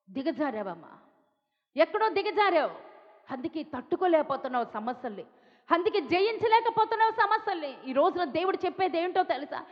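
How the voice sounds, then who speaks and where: A woman from India with a Telugu accent, preaching a sermon with emphatic repetition, pleading tone and rhetorical questions. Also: very high-pitched. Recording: dull sound with long hall reverb.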